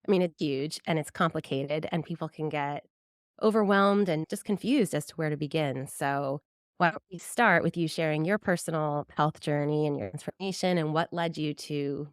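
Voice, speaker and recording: A woman's voice: deep voice, normal speed, clear, resonant tone, no echo, clean studio sound. A woman hosting a podcast, reading her intro and chatting with an upbeat, enthusiastic manner. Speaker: podcast host. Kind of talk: scripted intro and casual interview.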